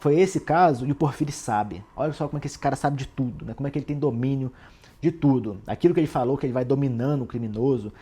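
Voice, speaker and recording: Mellow-voiced Brazilian man explaining a novel. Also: medium pitch, fast, husky. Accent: Brazilian Portuguese. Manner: conversational, often ends with tag questions, frequent restarts. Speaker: literature commentator. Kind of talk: casual explanatory book discussion.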